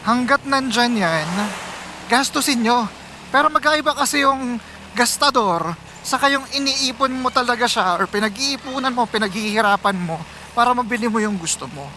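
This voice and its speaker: Riding a motorcycle on city streets, this Filipino vlogger talks conversationally to his viewers, sprinkling in English phrases. His voice is extremely high and sharp, his pace moderate, with slight background noise.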